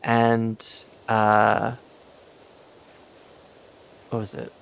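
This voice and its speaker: A man's voice: on the low side, monotone, very slow, gravelly, a bit bright, clear, resonant tone. A man chatting casually during a game stream, laughing often and rambling through asides. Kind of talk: casual gameplay chat.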